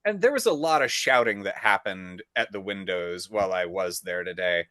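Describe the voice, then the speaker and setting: A young adult man with a low voice co-hosts a podcast, chatting casually at a moderate pace in clean studio sound with no echo. He tells a frustrating story in a wry, exasperated way, acting out the people he quotes and swearing freely.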